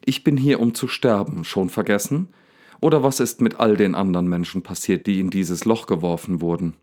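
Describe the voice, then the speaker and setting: An indignant young man in a storybook lion's den, voice pushed high and loud with slightly hysterical anger, as a male narrator plays him. His tone is dark and mellow underneath, and his outbursts tumble out in defiant bursts. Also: lively intonation, a little slow. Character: agitated young man Daniel thrown to a lion.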